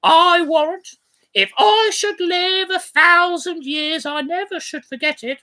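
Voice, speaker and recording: A woman's voice: very high voice, unhurried, sharp tone, exaggerated voice. A woman voicing a chatty, fond old nurse who rambles through memories and keeps breaking into giggles, in a theatrical play reading. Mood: rambling fond.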